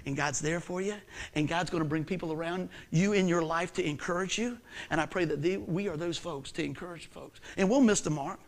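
In his fifties, this pastor delivers a sermon in a voice that sits high, swinging from hushed, earnest lines to excited shouts.

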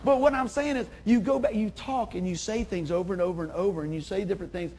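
A middle-aged man, a pastor, preaching a sermon in a chatty, animated way, acting out quotes and laughing at himself. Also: sits high, fast.

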